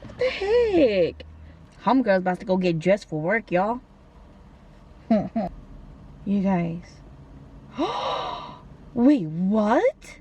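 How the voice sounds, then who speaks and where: A young adult woman vlogging in a casual, gushing style, full of slang and excited asides. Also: mid-range voice, drawn-out words, pauses often, a little hiss or hum. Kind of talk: casual vlog chat.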